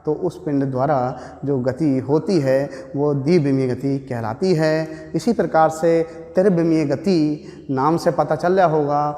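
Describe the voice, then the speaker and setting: Male teacher, Hindi accent, high voice, asks and answers his own questions, long hall-like reverb. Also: measured pace, dark tone. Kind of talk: classroom physics lecture at a board. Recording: echoey room with long reverb.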